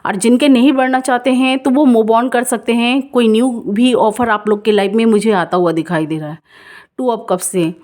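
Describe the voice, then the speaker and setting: Lady reading tarot cards for viewers, kinda high voice, reassuring, says the same stuff over and over. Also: fairly even intonation, moderate pace, darkish tone. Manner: repetitive, reassuring, mixes in English words. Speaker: tarot card reader.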